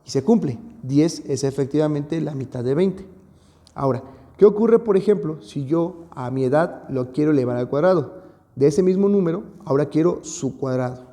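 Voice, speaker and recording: A man's voice: on the high side, lively intonation, moderate pace, dark tone. A man teaching an algebra video lesson, patiently explaining and repeating key points. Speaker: math teacher. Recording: long hall reverb.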